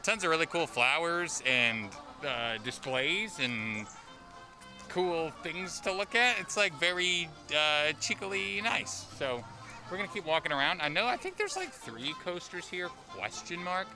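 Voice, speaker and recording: A man's voice: on the high side, sing-song, a little slow. A man hosting a travel vlog, chatting and joking as he walks around an amusement park. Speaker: vlog host. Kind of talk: casual vlog narration. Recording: outdoor vlog with loud park music.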